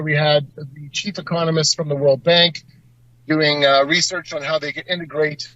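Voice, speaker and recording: A man's voice: on the high side, fairly bright tone, no room sound. Dull lo-fi field report from a man. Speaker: on-site correspondent. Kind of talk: informal live field report, answering an interviewer. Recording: dull, lo-fi remote call audio.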